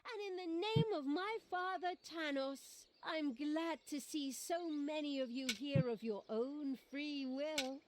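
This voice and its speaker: A woman voicing a young priestess in a video game who is sweet and earnest but slowly turns to evil. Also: very high-pitched, lively intonation, background noise, heavily acted. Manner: sweet, earnest, flustered, then gleeful menace. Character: young female priestess turned dark sorceress. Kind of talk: game cutscene voice acting.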